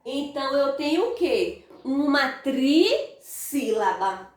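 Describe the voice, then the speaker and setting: A Brazilian woman teaches a children's grammar lesson, her voice high and her pace unhurried. She stretches the stressed syllables out in sing-song calls. She sounds distant from the mic in a strongly echoing room. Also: very animated. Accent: Brazilian Portuguese. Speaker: primary school teacher. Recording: echoey room, voice far from the mic.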